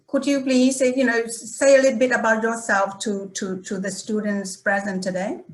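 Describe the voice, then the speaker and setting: A woman hosts an online panel, her slightly high voice carrying a noticeable room echo. She stops and restarts often, filling gaps with "you know". The sound comes through a video call. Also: little pitch movement, normal speed. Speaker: webinar host. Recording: roomy echo.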